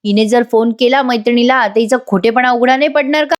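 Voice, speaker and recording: A woman's voice: a little high, a little fast, muffled recording, lightly acted. A woman voicing a clever young man who questions pointedly.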